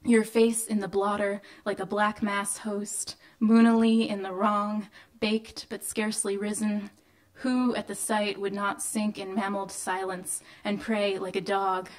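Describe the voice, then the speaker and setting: A woman poet reading her own poems to a live audience indoors, measured and deliberate, with loose, um-filled asides between poems. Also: medium pitch, flat delivery. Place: indoor venue of a reading series.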